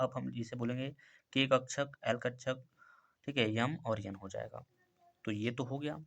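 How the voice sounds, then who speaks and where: A man's voice: mid-range voice, a bit bright. A man explaining a chemistry lesson in a casual classroom style, often asking himself short questions and answering them. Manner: repeats key terms as quick questions, says "ठीक है" and "भाई" often. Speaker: chemistry teacher.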